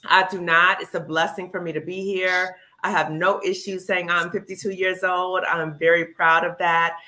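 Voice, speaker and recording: A woman in her fifties, a psychologist hosting a podcast, talking in a chatty, animated way with plenty of fillers. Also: lowish voice, moderate pace. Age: 50s. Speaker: clinical psychologist, podcast host. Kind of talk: casual podcast interview.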